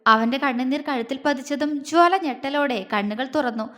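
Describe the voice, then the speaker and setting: High-voiced woman storyteller. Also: normal speed, fairly bright tone, long reverb tail. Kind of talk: scripted narration of an audio love story.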